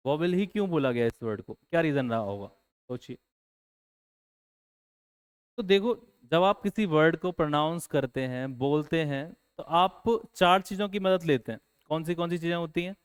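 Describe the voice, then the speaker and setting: A man's voice: a little high, clean tone. A man teaching English in a classroom lecture, asking the students questions and then answering them himself.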